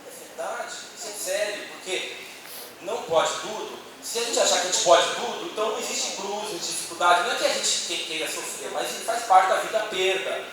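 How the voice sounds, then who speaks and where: A Brazilian Portuguese-accented man on a church panel talks conversationally to a meeting-hall audience, peppering his speech with tag questions. His voice sits high and runs a little fast. Captured from a distance, off his handheld mic, the recording is noisy and echoey, with crowd noise behind him.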